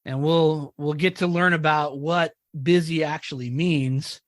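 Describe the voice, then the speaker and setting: A man's voice: fairly high pitch, steady tone, measured pace, dry recording, studio quality. A man hosting a podcast, talking eagerly with many restarts and small laughs. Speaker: podcast host. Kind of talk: casual interview chat.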